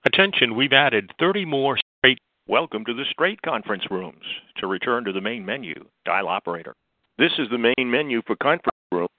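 A man speaks as an automated phone menu voice. He delivers scripted prompts like an announcer, at a medium pitch. The sound is narrow and tinny, as heard down a telephone line. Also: expressive, a little fast, no room sound.

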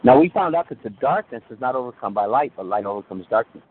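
A man's voice: mid-range voice, expressive, fast talker, a little hiss or hum. A male pastor preaching a sermon over a call, checking in with his listeners and restarting phrases as he goes. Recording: tinny call line that breaks up.

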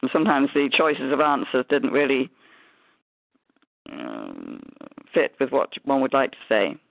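A man's voice: mid-range voice, big pitch swings, measured pace, vocal fry, no echo. A man rambling in casual chat on a group phone call. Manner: rambling, chatty. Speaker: call participant. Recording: tinny phone line.

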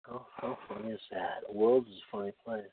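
A man rambling through a humorous casual chat, wry and halting, often cutting himself off mid-thought. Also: fairly low pitch, husky, narrow, tinny audio. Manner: halting, self-interrupting, wry.

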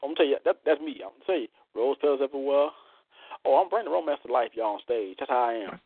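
A man's voice: medium pitch, expressive, very fast, creaky, husky, no room sound. A man hosting a live poetry show casually, with a playful, boastful, colloquial way of talking. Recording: tinny, narrow-band radio-like line.

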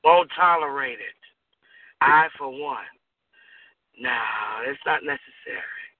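A woman speaks in a slow, teasing, sultry way on a flirty late-night show, her voice pitched a little high. She sounds far from the mic through a thin, phone-like line. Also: no echo. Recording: faraway tinny phone sound.

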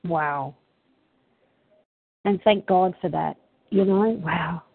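A woman's voice: fairly low pitch, takes it slowly, vocal fry, husky, dry recording. An Australian woman chatting casually and earnestly, reflective, with an earthy, colloquial bush way of talking. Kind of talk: casual heartfelt chat. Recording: tinny phone-line sound.

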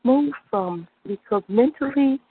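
Languid stoner woman, high, on a phone line. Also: animated, a little slow, heavy background noise. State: high on weed. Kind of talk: relaxed first-person monologue on a call-in. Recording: thin, narrow phone line.

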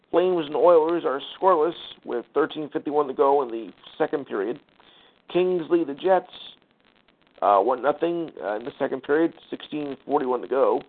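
A man hosting a sports talk show, reading out scores and standings with casual asides and lots of fillers. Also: fairly high pitch. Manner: rattles off numbers with fillers, sighs and quick asides. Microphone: phone call line. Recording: tinny phone-line audio.

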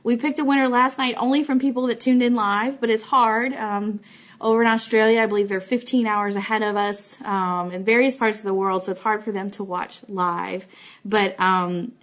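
Speaking at a normal speed, this woman has a mid-range, slightly bright voice with fairly even intonation. She runs a fan live show from an office, giving informal announcements and thanking her viewers.

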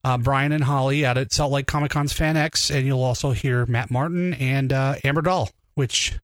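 A man's voice: medium pitch, fairly even intonation, moderate pace, dry recording. A man telling a story as podcast co-host, rambling and self-deprecating, choked up with emotion. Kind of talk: casual storytelling.

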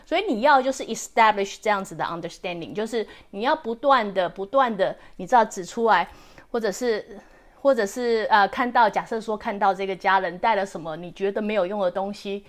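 A woman's voice: mid-range voice, brisk. A woman in her forties hosting a podcast, giving casual advice in a chatty way. She often checks in with the listener and drops English words into her speech. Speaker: podcast host.

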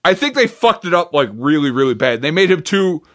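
A man's voice: fairly high pitch, brisk. A man co-hosting a podcast, arguing his side in a casual debate chat and swearing freely. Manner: animated, argumentative, swears casually. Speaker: podcast co-host.

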